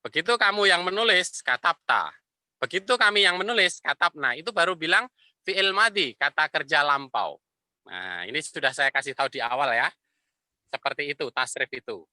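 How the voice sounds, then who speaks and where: A man teaching an Arabic class, explaining patiently and repeating phrases slowly. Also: on the high side, expressive, bright, forceful tone, no echo. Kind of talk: online class lecture.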